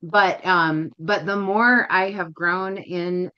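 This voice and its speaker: A woman's voice: lowish voice, steady tone, slow, clear, resonant tone, dull audio. A woman hosting a casual podcast chat, rambling through stories with many restarts. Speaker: host.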